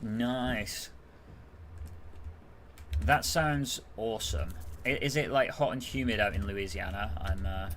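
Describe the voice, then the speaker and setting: A man's voice: mid-range voice, fairly bright tone, slight background noise. A British man casually commentating his game on a live stream, chatting with viewers as he plays. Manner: chatty, reads and answers chat while playing. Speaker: gaming streamer.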